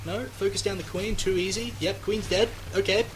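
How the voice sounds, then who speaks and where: Higher-voiced man casting a game, sarcastic. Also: normal speed, crowd noise, poor audio. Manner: chatty, sarcastic, gets loud and excited in fights. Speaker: game commentator. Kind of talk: live esports commentary.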